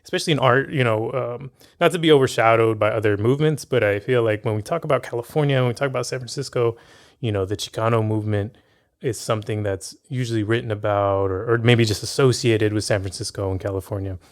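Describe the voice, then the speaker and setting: A man's voice: mid-range voice, fast. A man interviewing an artist, speaking thoughtfully with many fillers and hedges. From United States. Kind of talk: academic interview.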